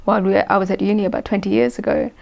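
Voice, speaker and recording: A woman in her forties with a gravelly edge to her voice, answering interview questions. She speaks thoughtfully and pauses often with ums, reworking her sentences as she goes. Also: mid-range voice, steady tone, a little mellow. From Sri Lanka. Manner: thoughtful, many ums and restarts. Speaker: guest. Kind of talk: interview conversation.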